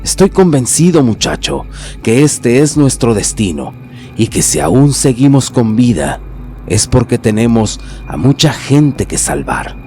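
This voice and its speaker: A man voicing steady old curandero. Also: medium pitch, unhurried, faint music behind. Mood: earnest. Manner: earnest, fatherly counsel. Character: seasoned older male healer, steady and resolute.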